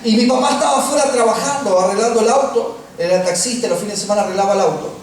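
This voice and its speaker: A middle-aged man with an Argentine accent preaching a sermon, telling personal stories with humor and slowing down for emphasis. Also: sits high. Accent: Argentine Spanish. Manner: humorous storytelling, slows for emphasis. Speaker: pastor. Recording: echoey room, distant mic, faint noise.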